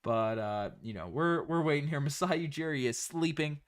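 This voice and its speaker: A man's voice: a little high, moderate pace. A man from Canada with a light Newfoundland accent, hosting a casual sports livestream and often repeating phrases for emphasis.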